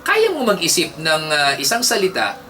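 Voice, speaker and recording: Filipino guy dj doing radio trivia, bright voice, bouncy pitch, playful, mic a bit far off with faint hiss. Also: moderate pace. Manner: playful, animated, mixes English into Tagalog. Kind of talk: casual radio trivia segment.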